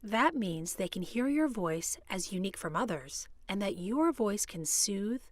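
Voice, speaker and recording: A woman presenting an educational video, explaining in a calm, clear way. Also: medium pitch, unhurried, no echo, studio quality. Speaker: hospital staff presenter. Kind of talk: scripted educational narration.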